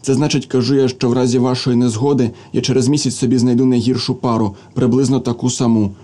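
A man's voice: mid-range voice, flat delivery, quick pace, mellow, natural voice. A man voicing a spiteful young engineer. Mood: cold. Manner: cold and cutting. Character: bitter young male engineer, proud and spiteful.

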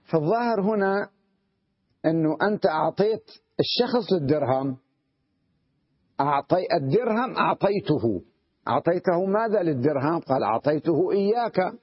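A man with a husky, somewhat high voice gives a grammar lesson in a patient, explanatory way. He keeps asking his students whether they follow and slowly sounds out incorrect word forms to show the contrast. The recording is dull and muffled. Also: lively intonation, no room sound. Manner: explains patiently, checks understanding with repeated questions. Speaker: Arabic grammar teacher.

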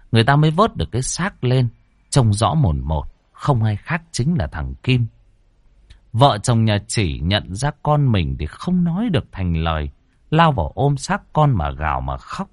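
A man narrating a ghost story in a dramatic way, slowing down for suspense. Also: lowish voice, no echo.

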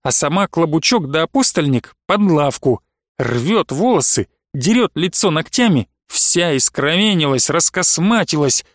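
Male audiobook narrator, high voice, dramatic measured reading, dry close recording. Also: expressive, dry recording. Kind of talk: expressive literary narration.

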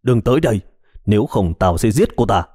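A man's voice: fairly low pitch, big pitch swings, brisk, dark tone, no echo, studio quality. Man playing a snarling furious husband. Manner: snarling, harsh. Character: furious husband and killer, grim.

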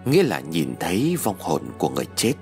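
A kindly old sorcerer speaks in a slow, solemn, husky tone, voiced by a man reading a storybook. His low voice moves with plenty of melodic rise and fall. Soft music plays underneath. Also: huge pitch swings. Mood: calm. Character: kindly old male sorcerer, calm and wise.

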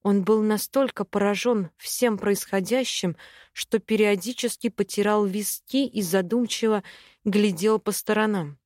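A woman reading a first-person fantasy novel aloud in an even, steady way. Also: medium pitch, unhurried, no echo, studio quality. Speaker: audiobook narrator.

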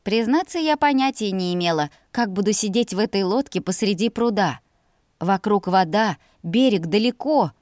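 A woman narrating a first-person novel in a lively, expressive reading. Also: mid-range voice, normal speed, no room sound, studio quality. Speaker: audiobook narrator.

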